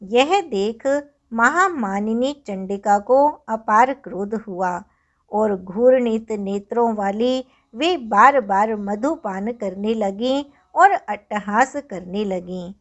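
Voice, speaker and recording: A woman narrating a scripture story as a devotional reader, with measured, solemn recitation. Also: mid-range voice, lo-fi sound.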